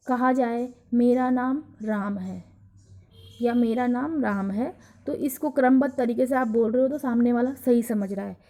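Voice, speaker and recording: A woman teacher giving a recorded lesson, explaining slowly and acting out examples. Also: fairly high pitch, warm tone. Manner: slow, explanatory, acts out examples. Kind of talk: recorded lecture on teaching Hindi.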